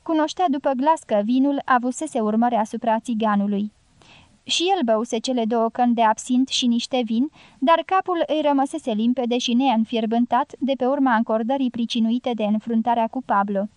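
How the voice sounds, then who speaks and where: A woman narrating a classic novel in an even, deliberate reading voice. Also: fairly high pitch, no echo. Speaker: audiobook narrator. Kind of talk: literary audiobook narration.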